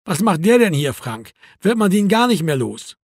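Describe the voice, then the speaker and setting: A man voicing a grumpy, short-tempered pub owner who talks loudly and irritably. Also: high-pitched, big pitch swings, normal speed, breathy edge, no echo, studio quality, full character voice. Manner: loud, irritated shouting.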